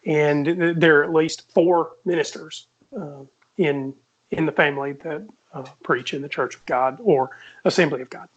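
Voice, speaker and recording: A man's voice: a little high, steady tone, moderate pace, breathy edge. A man in his fifties, a podcast host telling a personal story in a reflective way. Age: 50s. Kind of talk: casual podcast discussion. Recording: muffled lo-fi audio.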